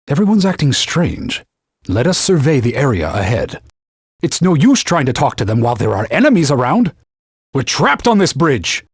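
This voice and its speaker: Here a man plays a pompous, haughty talking sword acting as a sidekick guide in video game voice clips, lecturing and scolding its wielder with stern formality. The slightly husky voice goes shrill when alarmed. A dry studio mic gives clean sound with no echo.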